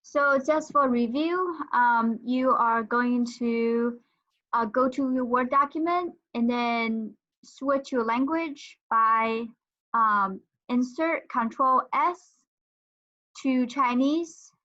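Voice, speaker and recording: A woman's voice: fairly high pitch, slow, sharp tone. A woman giving a casual tutorial demonstration, thinking aloud with some hesitation. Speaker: instructor. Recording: dull lo-fi audio.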